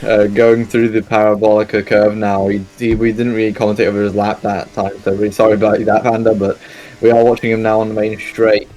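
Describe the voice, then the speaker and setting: A man's voice: fairly low pitch, little pitch movement, fast talker, a little mellow, highs cut off. A young man doing live sim racing commentary in a casual, rambling way, full of fillers and self-corrections. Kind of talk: live esports race commentary.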